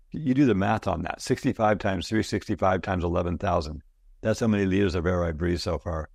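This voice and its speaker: A man in his sixties with a low, gravelly voice talks as an interview guest. He tells stories with excitement and often repeats words as he goes, all in a dry, close sound. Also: dry recording. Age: 60s. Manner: enthusiastic, storytelling, repeats words. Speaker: guest, product founder. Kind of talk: casual interview talk.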